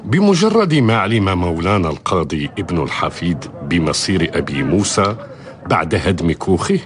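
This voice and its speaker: An actor playing a dignified townsman in a historical radio drama, relating things in measured formal Arabic. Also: lowish voice, slightly rough. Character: dignified pilgrim townsman bearing good news.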